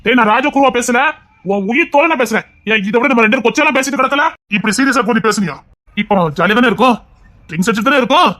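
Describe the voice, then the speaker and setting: A man reading an audio story, voicing a blunt, fiercely loyal royal priest who urges and warns his old friend, rising to loud outbursts. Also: very high voice, very fast. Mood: coaxing. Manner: urgent, warning, grows loud.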